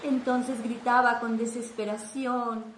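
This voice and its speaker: A woman narrating a storybook tale in an expressive, animated reading, in an echoey room. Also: a little high, slow pace, very noisy. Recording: echoey room with faint ambience.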